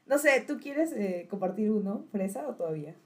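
A woman's voice: medium pitch, lively intonation, moderate pace. A woman, co-hosting a casual chat and telling a story with lots of laughter and slang. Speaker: podcast co-host.

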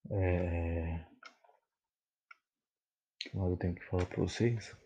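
A man's voice: sits low, steady tone, slow, dark tone, muffled recording, a little hiss or hum. A young Brazilian man from Bahia rambling casually as a solo podcast host, in heavy informal street slang with some swearing. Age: young adult.

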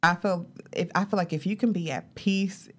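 A woman's voice: lowish voice, normal speed. A middle-aged woman co-hosting a podcast, chatting casually and animatedly, laughing often. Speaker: podcast co-host. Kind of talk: casual chat.

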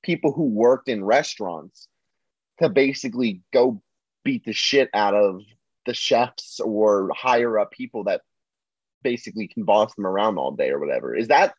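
Man, film podcast co-host, rambling casual talk, dry close sound, husky. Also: on the low side, animated, normal speed, dry recording, muffled recording. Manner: rambling, many fillers and restarts.

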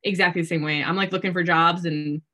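A fast-talking American woman in her early twenties, with a lowish, pushed, bright voice and steady tone, recounts personal stories as a guest in a relaxed interview. She's chatty and uses "like" a lot.

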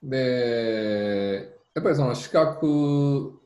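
A man's voice: medium pitch, very slow, echoey room. A man with a Kansai accent hosting a casual podcast chat, musing aloud with many fillers. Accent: Kansai Japanese. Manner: relaxed, musing, full of fillers.

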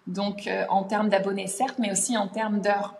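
A woman's voice: medium pitch, little pitch movement, normal speed, creaky, a little mellow, roomy sound. A woman language teacher, a podcast guest, talking animatedly in casual conversation and thinking aloud with many fillers.

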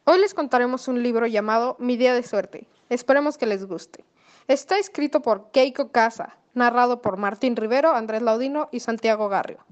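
A woman hosts a podcast and narrates a children's storybook. Her voice sits a little higher than most and reads in a bright, welcoming way. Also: moderate pace, highs cut off.

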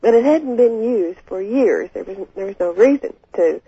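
A woman's voice: mid-range voice, expressive, moderate pace, slightly rough, dry recording. A woman chatting casually as a caller to a radio show, speaking over the phone. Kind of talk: casual chat. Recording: dull dry phone call on radio.

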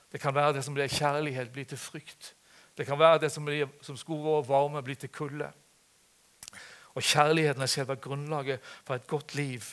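An older man delivers a sermon, speaking in an earnest, personal way. His voice sits at an ordinary pitch, sinks into soft near-whispers, then swells into loud, emotional calls. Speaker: preacher.

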